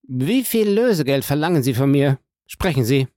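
A man's voice: medium pitch, big pitch swings, normal speed, mellow, no room sound, studio quality, voice pushed up, natural voice. A man reading an audiobook and voicing a panicked, greedy banker held prisoner, who pleads and bargains in frantic outbursts. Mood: demanding.

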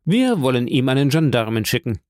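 A man voicing a police brigadier in an audiobook, giving deliberate orders. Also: mid-range voice, sing-song, darkish tone, no echo, studio quality, lightly acted. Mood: commanding. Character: gruff police brigadier, authoritative and brisk.

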